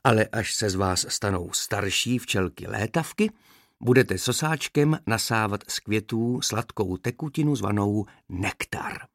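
Boženka is a patient female bee trainer from a children's storybook, coaxing and instructive, with a lively, sing-song lilt, as a man reads her. The voice has a gravelly edge and sounds dry and close. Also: fairly low pitch, no echo.

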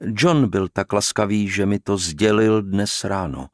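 Guy reading a reserved lady, voice pushed up higher, dry and close. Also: no room sound, lightly acted. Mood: cool. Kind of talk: audiobook character reading.

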